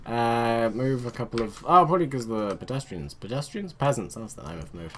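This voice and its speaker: A man rambles through casual let's play commentary, muttering to himself as he plays and joking at his own expense in a chatty, self-mocking way. His mid-range voice is brisk, with lively intonation.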